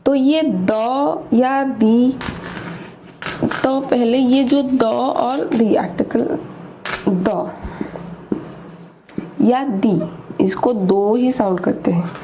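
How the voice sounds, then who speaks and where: A woman teaching English grammar, explaining slowly and repeating each word, asking questions and answering them herself. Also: on the high side, warm tone. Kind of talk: slow explanatory lesson in Hindi. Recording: dull lo-fi recording with faint noise.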